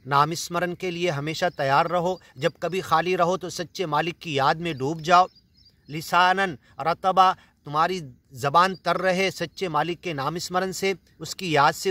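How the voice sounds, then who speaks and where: A man's voice: fairly high pitch, steady tone, pushed and bright, dry recording. A man from India with an Indian Urdu accent, earnestly explaining Quran verses in a sermon, reciting Arabic lines and then paraphrasing them. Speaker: Quran teacher.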